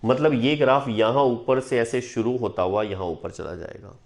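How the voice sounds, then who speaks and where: A man's voice: mid-range voice, moderate pace, gravelly. A man teaching a math lesson at a board, often stopping to check that students follow. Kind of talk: whiteboard lesson.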